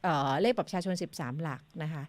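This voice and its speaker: A woman's voice: low voice, quick pace, no echo. A woman hosting a casual radio interview, talking in a chatty way with frequent polite particles and easy laughter. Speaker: radio host. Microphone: studio microphone.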